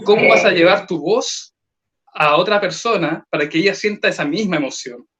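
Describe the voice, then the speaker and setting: A man's voice: high-pitched, normal speed, pushed and bright. A man, a voice trainer explaining points in an online seminar and posing rhetorical questions. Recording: dull lo-fi call audio.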